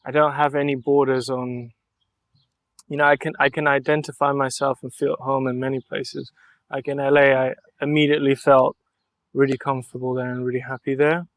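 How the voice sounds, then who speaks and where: Fairly quick and flat in delivery, this mid-range voice belongs to a young Mallorcan artist, a young adult from Spain. He's a podcast guest in a relaxed interview, reflecting earnestly and thinking out loud in long, flowing sentences.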